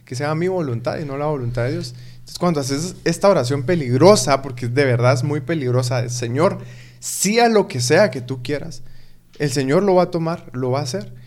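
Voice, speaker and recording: A man's voice: fairly high pitch, a little fast, darkish tone. A man talking in an earnest, preaching way during a casual faith conversation.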